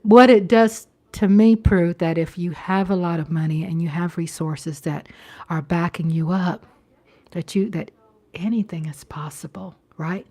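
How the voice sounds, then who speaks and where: A woman in her fifties, hosting a livestream, has a fairly low, dark-toned voice and an unhurried pace. She chats casually with her audience, repeating phrases and checking in with "you know."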